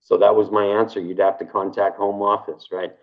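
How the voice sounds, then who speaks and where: This interview guest, a Canadian man in his fifties, has a low voice and a flat delivery that runs a little fast. He rambles casually, repeats himself, and tags lines with "right?", all in dull, lo-fi sound.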